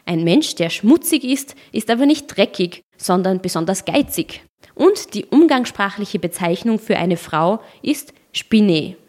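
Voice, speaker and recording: Woman, mid-pitched voice, scripted narration, clear, explanatory, lightly playful. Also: animated, unhurried, darkish tone.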